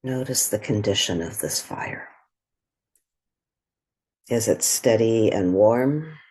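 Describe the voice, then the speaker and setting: Soft and breathy, a woman's voice leads a calming guided meditation, leaving long silences between brief phrases. A bass voice is heard as well, and it's expressive.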